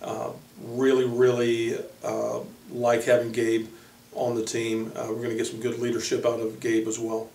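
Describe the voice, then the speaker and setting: Playing a college basketball coach, a man introduces players informally, halting often with frequent pauses. His medium-pitched voice is monotone, gravelly and darkish. It was recorded from a distant microphone in an echoey room.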